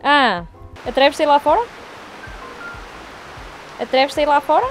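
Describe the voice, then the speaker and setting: A woman's voice: sits high, moderate pace, soft background music. Chatty young woman with European Portuguese accent. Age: young adult. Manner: chatty, excitable, talks to her cat. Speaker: vlogger. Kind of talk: casual vlog chat. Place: home kitchen and garden.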